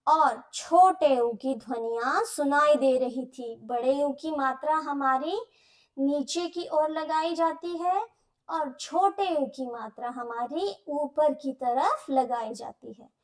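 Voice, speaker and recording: Slow high-voiced woman teaching children. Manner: slow, syllable-by-syllable explanations to young children. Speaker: primary school Hindi teacher. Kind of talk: lesson.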